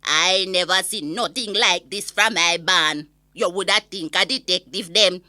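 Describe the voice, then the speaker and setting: A woman's voice: on the low side, unhurried, sharp tone, no echo. A woman playing an elderly Jamaican granny in a comic audio story, telling an exasperated, gossipy, indignant rant with a Jamaican accent. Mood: exasperated, mocking.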